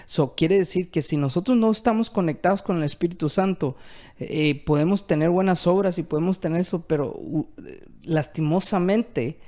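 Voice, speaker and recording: A man with a fairly high but mellow voice speaks on a casual faith podcast. He makes his points by asking a question and then answering it himself. While his partner talks, he keeps up a stream of short agreements. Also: normal speed. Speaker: podcast co-host.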